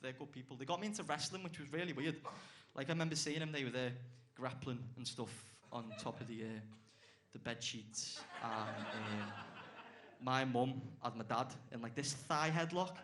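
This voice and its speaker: A man's voice: mid-range voice, moderate pace, very noisy. A young man doing a stand-up routine on a club stage, brash and swearing, chuckling at his own lines. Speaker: stand-up comedian.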